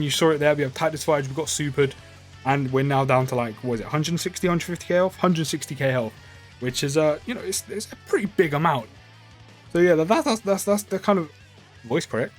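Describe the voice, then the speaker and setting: A man giving casual, rambling commentary while playing a mobile game, full of fillers and restarts. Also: on the high side. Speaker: gaming YouTuber.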